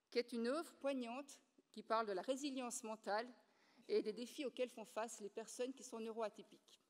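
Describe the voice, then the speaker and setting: A woman hosting a university public lecture, reading a measured, formal introduction of the program and the speaker. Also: a little high. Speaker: event host introducing speakers. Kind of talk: read introduction. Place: lecture hall. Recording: reverberant lecture hall.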